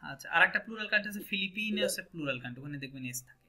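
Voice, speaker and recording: A man's voice: high-pitched, expressive, racing, bright, forceful tone. A man with a Bangladeshi Bengali accent teaching a French class, patient and often asking checking questions. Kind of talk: online language class.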